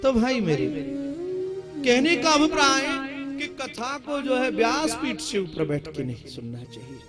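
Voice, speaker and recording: A man with a North Indian Hindi accent giving a devotional sermon, emphatic in his storytelling, repeating key phrases and chanting Sanskrit verses slowly. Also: very high voice, animated. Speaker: preacher giving a scripture discourse. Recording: loud music in the background.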